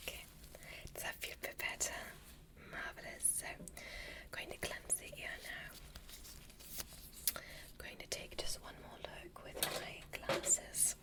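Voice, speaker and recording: Playing the examiner in a medical-themed ASMR roleplay, this performer speaks in a soft, breathy whisper. Her instructions come unhurried, calm and reassuring.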